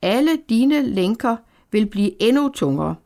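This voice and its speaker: A woman's voice: a little high, very animated, gravelly, dark tone. A woman reading the part of a stern male prophet who proclaims judgment in a firm, solemn voice.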